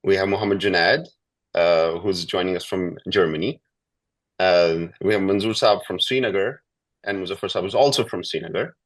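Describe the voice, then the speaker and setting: Low-voiced, halting male moderator. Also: low-quality recording. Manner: halting, hesitant phrasing. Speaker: panel moderator. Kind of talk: informal spoken panel introduction. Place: online video call.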